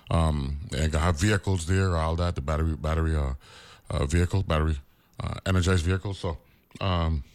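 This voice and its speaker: A man hosting a political talk radio show, animated and rambling with many fillers. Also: low-pitched.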